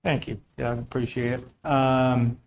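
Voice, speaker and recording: A man chairing a public meeting, courteously thanking and announcing speakers in a halting way. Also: medium pitch, little pitch movement, gravelly, muffled recording, slight background noise. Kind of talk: procedural announcing.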